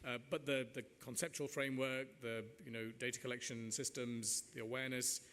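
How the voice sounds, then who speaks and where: A man's voice: mid-range voice, little pitch movement, a little fast, a bit bright. Male panel moderator in a reverberant hall. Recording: reverberant hall with background noise.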